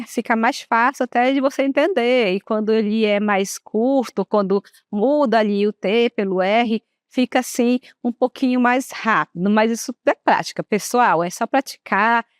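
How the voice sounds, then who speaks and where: A woman English teacher with a Brazilian accent, giving a classroom lesson and slowly drawing out words for students to repeat. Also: a little high, smooth, no room sound, studio quality. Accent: Brazilian Portuguese. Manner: slow, drawn-out modelling of words for students to repeat.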